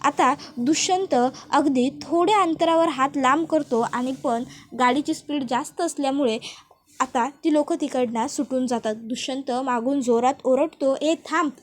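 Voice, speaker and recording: A woman narrating a recap of a TV serial episode as a brisk storyteller who acts out all the characters. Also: high voice, slight background noise.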